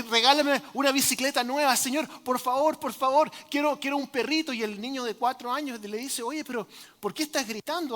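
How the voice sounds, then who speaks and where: A man preaching a sermon as a pastor in a church, joking with the congregation and often pausing with fillers. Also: high-pitched, sharp tone, big-room sound. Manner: filler-heavy, hesitant delivery. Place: church sanctuary.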